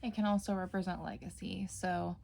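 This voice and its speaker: A woman's voice: on the low side, steady tone, a little slow, a little mellow. A woman giving a casual tarot reading, chatty, with frequent fillers and self-corrections. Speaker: tarot reader.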